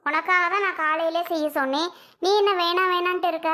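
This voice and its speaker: A woman's voice: very high-pitched, steady tone, fairly quick, bright, forceful tone. Woman playing a nagging mother. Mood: scolding. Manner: nagging, insistent. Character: scolding mother fussing over pregnant daughter.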